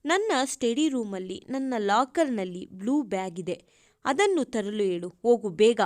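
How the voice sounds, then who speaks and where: A woman's voice: mid-range voice, unhurried, a little mellow, clear, resonant tone, dry recording, studio quality, natural voice. A woman voicing a critically ill older man who speaks faintly and with strain, urging and pleading. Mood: hurried.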